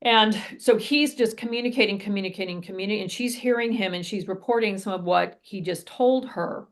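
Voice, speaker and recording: A woman's voice: mid-range voice, a little fast. A woman therapist, a guest on an interview podcast, telling a case story earnestly and vividly, often acting out what people said.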